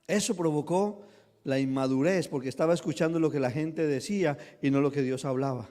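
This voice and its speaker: A man preaching a sermon as a pastor, with sudden loud bursts of emphasis and quick acted asides. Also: fairly high pitch, big-room sound. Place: church hall.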